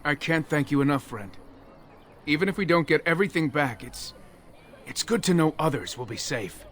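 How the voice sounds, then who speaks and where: A man's voice: on the high side, expressive, moderate pace, a bit bright. An actor playing a weary, grateful refugee man who was robbed, speaking earnestly in video game dialogue.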